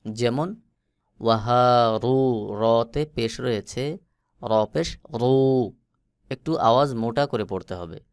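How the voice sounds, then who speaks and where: A man with a Bangladeshi Bengali accent teaching Quran reading, spelling out letters slowly and chanting the words in long drawn-out tones. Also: medium pitch, clear, resonant tone, dry recording, studio quality. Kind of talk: slow spelled-out recitation lesson.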